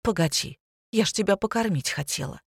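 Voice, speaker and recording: A woman reading an audiobook voices a timid middle-aged mother who speaks softly, calm and restrained. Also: mid-range voice, fairly quick, vocal fry, husky, no room sound, clean studio sound. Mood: hesitant.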